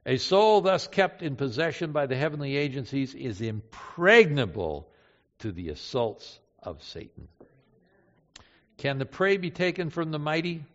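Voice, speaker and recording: Older man, pastor, sermon, storytelling, slightly high voice, dull sound, long hall reverb. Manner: storytelling, swings between loud emphasis and hushed low lines.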